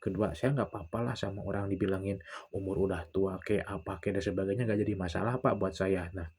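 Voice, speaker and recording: A man's voice: sits low, fairly even intonation, fast, a little mellow, breathy edge. A young man, casually telling stories to the camera and acting out what other people said. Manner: retells conversations with others, often acting out their lines. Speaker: vlogger.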